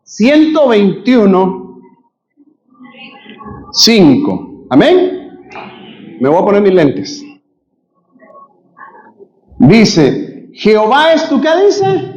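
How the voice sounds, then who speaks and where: A male pastor preaching a sermon, rising to shouts and asking the congregation questions. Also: sits high, huge pitch swings, extremely slow, pauses often, lo-fi sound. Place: church.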